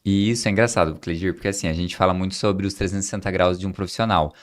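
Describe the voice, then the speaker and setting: Low-voiced male doctor hosting a podcast. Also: steady tone, rapid-fire. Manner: explanatory, acts out patients and students. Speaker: podcast host, aesthetics doctor. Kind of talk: conversational interview.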